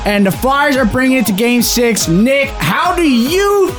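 A man's voice: very high voice, animated, unhurried, a bit bright, soft background music. A young man hosting a casual podcast, with a dry, teasing manner and mock announcer delivery. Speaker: podcast host.

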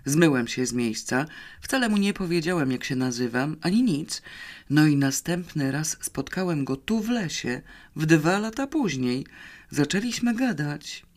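A man's voice: fairly high pitch, lively intonation, measured pace. A reader doing a rambling nervous country man. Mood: confessing. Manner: rambling, folksy, confessional. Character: nervous male small-time poacher confessing.

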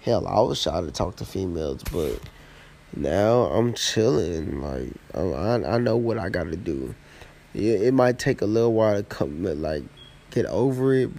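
Gravelly-voiced young man, slangy and rambling. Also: lowish voice, dark tone. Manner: loose, slangy, rambling with frequent restarts. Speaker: podcast host. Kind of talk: casual dating-advice monologue.

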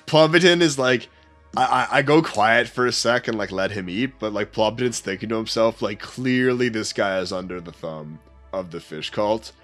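A man playing a character in a tabletop game, talking through his moves with halting restarts. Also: on the low side, fairly bright tone, soft background music. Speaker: player. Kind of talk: tabletop role-play chat.

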